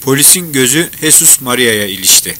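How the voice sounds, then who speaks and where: Man, audiobook narration, measured storytelling, bright forceful voice. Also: medium pitch, expressive. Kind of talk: scripted novel narration.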